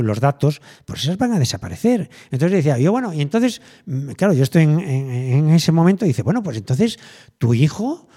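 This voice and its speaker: A man's voice: fairly high pitch, a little mellow, breathy edge. A middle-aged man from Spain chatting casually and thinking aloud, rambling with many fillers and restarts. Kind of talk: casual chat.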